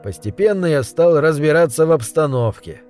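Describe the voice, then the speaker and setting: A man narrating an audiobook in a steady, descriptive storytelling manner. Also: on the high side, normal speed, soft background music. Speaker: reader.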